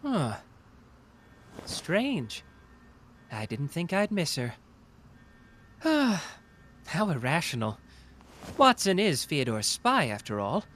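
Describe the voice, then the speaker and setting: For a scripted anime roleplay ASMR audio drama, a man voices a smug young male detective, his somewhat high, slightly bright voice swooping wildly in pitch as he teases. He pauses theatrically with total self-assurance in an exaggerated delivery, yet the mood is brooding and reflective. Background noise and ambience sit beneath the recording.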